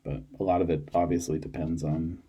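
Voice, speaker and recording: A tired man with a low, dark voice hosts a podcast alone in a small studio. He talks in a rambling, easygoing way, full of ums and restarts. His voice has a slightly husky edge. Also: little pitch movement, a little fast, muffled recording. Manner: rambling, with many fillers and restarts. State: tired, yawning. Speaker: podcast host. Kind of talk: casual solo chat.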